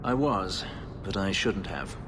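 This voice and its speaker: A deep-voiced actor fully in character voices a brooding male elf warrior and former slave, speaking slowly with a sing-song lilt. His lines are grave, formal and terse, with game music and background noise behind them.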